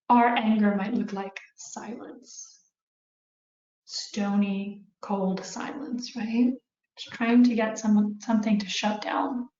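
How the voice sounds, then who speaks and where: A woman therapist giving a calm, explanatory talk to viewers, often checking in with "right?". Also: mid-range voice. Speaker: therapist teaching about couples. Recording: echoey room, dull sound.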